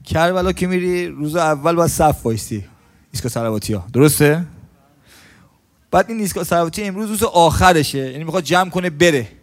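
A man giving a colloquial sermon in a mosque, telling stories and asking the congregation questions, swinging between loud stresses and hushed lines. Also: a little high, expressive. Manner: storytelling, asks the congregation questions. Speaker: preacher.

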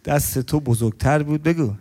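A man giving a colloquial sermon in a mosque, telling stories and asking the congregation questions, swinging between loud stresses and hushed lines. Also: fairly high pitch. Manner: storytelling, asks the congregation questions. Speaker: preacher.

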